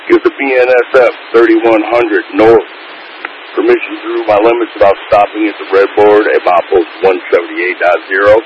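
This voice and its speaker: A man working as a railroad track foreman, speaking in clipped, formal radio procedure over a two-way radio and reading out numbers deliberately. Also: fairly low pitch, steady tone. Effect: heard over a two-way radio. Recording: muffled radio with faint hiss.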